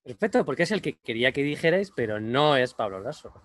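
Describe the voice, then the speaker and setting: A man in his thirties from the Madrid region, teasing his co-hosts while slowly reading quiz clues on a video call. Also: medium pitch, very animated, a bit bright, no echo, studio quality. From Madrid region, Spain. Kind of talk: casual video-call chat. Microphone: video call with earphones.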